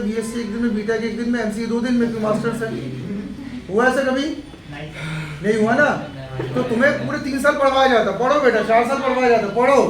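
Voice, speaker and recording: A high-pitched man with an Indian accent lectures his students in a chatty, humorous way. He sounds set back from the mic in an echoey classroom with faint room noise. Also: far from the mic. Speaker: computer institute teacher.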